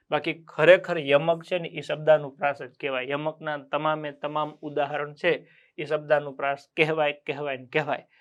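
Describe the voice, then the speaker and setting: A man's voice: a little high, fairly bright tone. Gujarati man drilling a grammar lesson. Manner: asks the class questions and answers them himself; repeats key terms for drilling. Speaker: teacher. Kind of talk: exam-prep grammar lecture.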